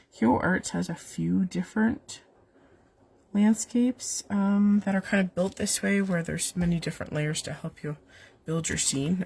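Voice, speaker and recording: A woman with a cold livestreams a card-making demo from her home basement, her fairly low, husky, darkish voice full of vocal fry and weak, fading in and out. She talks through each step casually, rambling with fillers and asides to her cat.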